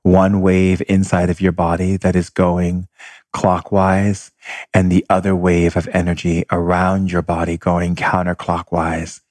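A man leading a guided meditation with slow, calm instructions. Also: deep voice, dry recording, clean studio sound.

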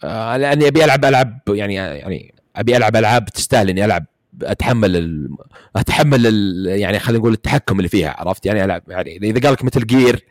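A man's voice: fairly low pitch, very fast, dry recording, clean studio sound. A man with a Saudi Gulf accent, chatting casually about games, rambling with many fillers and restarts. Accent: Gulf Arabic, Saudi. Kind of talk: casual gaming chat.

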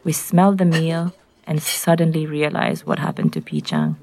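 A woman from Nairobi with a Kenyan accent, narrating a scripted personal story in clear, simple short sentences. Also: low voice, big pitch swings, moderate pace, a little mellow, poor audio.

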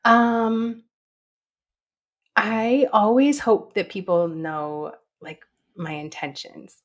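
A woman's voice: mid-range voice, fairly even intonation, very slow. A woman guest on an interview show, talking in a bubbly, giggly way with many fillers. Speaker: guest author and fitness instructor. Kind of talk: casual interview.

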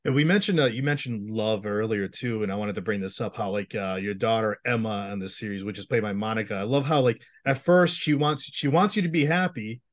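Man, podcast host, quick pace, enthusiastic, casual interview. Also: lowish voice. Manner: enthusiastic, agreeable.

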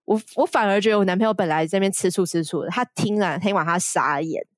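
A woman's voice: medium pitch, quick pace, dry recording, clean studio sound. A young woman co-hosting a podcast, telling a personal story frankly and with animation, often acting out what others said. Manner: frank, animated, acts out quoted dialogue with laughs. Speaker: podcast co-host. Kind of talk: casual candid storytelling chat.

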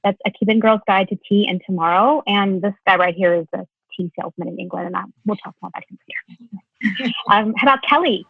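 A woman's voice: mid-range voice, brisk, creaky, breathy edge, dry recording, narrow, tinny audio. A woman from the United States, an author talking chattily on a panel. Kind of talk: casual panel discussion.

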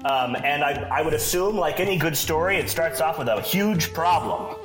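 A man's voice: on the high side, normal speed, music in the background. A man in casual chat who eagerly leads the discussion as a podcast co-host. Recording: roomy echoey recording.

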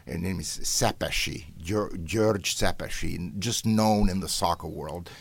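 Speaking slowly in a low, slightly rough voice with vocal fry, this older professor, a native Hungarian speaker, rambles through long anecdotes as a guest in an interview. He often restarts and uses fillers, now and then flaring into animation, and the recording is dry.

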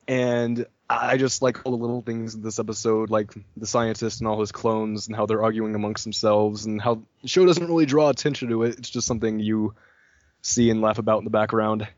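A man's voice: on the low side, a little fast, darkish tone, no echo, dull audio. A man casually and enthusiastically reviewing with friends, swearing now and then.

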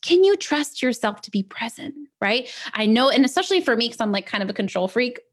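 A woman's voice: on the high side, sing-song, fairly quick. A woman coach hosting a live teaching talk, chatty and upbeat, leaning on "like" and "right?" and laughing often. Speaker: business sales coach, show host.

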